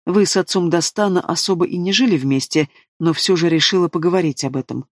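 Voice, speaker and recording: A man's voice: a little high, brisk, dry recording, studio quality, natural voice. A man reading the part of a scheming, fawning red dragoness who keeps pressing her point. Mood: fawning pushy. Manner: fawning, insistent.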